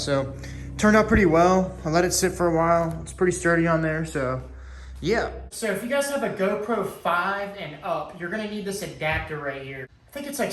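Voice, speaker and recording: A man's voice: a little high, fairly bright tone, reverberant, slight background noise. A man giving a casual hands-on tutorial in a laid-back, informal way. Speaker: vlogger giving a how-to.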